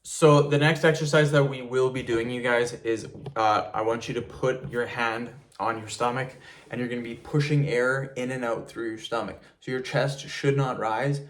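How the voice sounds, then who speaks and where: A man's voice: medium pitch, fairly even intonation, normal speed. A man hosting a tutorial, talking casually as he instructs viewers step by step through exercises. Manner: instructional, counting reps and cueing breaks.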